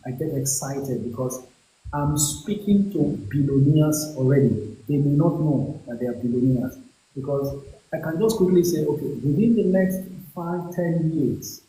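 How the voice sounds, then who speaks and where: Man coaching investors in an echoey room. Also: dark tone. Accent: Nigerian English. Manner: encouraging, salesy pitch with frequent ums. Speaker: investment coach and livestream host. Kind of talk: live call-in coaching session. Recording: echoey room with faint hiss.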